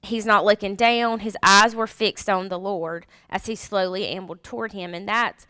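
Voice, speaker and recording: A woman's voice: medium pitch, fairly even intonation, normal speed, sharp tone, clear, resonant tone, dry recording. A woman teaching a Sunday school Bible lesson in a chatty way, with many fillers and restarts.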